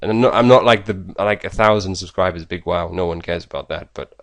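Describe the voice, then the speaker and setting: A man's voice: sits low, quick pace, rough recording. A British man answering viewer questions in a casual vlog, in a rambling, self-deprecating and chatty way. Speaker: YouTuber.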